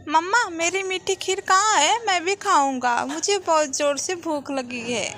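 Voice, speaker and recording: A woman's voice: extremely high pitch, unhurried, bright, forceful tone, faint music behind, voice pushed up, full character voice. A woman voicing a little boy bird chick in a cartoon, in a whiny, childlike way. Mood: sulky.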